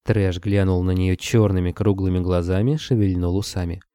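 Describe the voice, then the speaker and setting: A male audiobook narrator telling a dark fantasy tale in a steady way. His voice is low and dark, with a mellow tone. The recording is dry and close to the mic. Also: moderate pace, clean tone, no echo.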